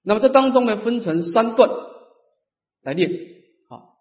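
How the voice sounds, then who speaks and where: A man giving a Buddhist dharma lecture. He stresses each numbered point and lets his phrases trail off softly. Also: extremely high pitch, animated, normal speed, distant mic. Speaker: Buddhist teacher. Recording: muffled lecture recording from afar.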